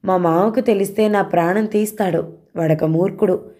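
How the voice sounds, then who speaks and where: A woman's voice: medium pitch, fairly even intonation, normal speed, dark tone, lightly acted. Woman doing a self-pitying flirtatious married man.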